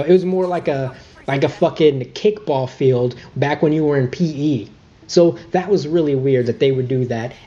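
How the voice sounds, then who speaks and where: Young man ranting about a game, mellow voice. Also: a little high, muffled recording. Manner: irritated, profane, nitpicking. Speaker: game reviewer. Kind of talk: casual spoiler review rant.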